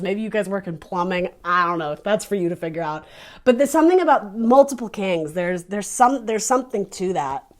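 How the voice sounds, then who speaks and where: A woman giving a casual tarot reading, chatty and animated, restarting her sentences and laughing between thoughts. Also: mid-range voice. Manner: laughs often while talking. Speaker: tarot reader.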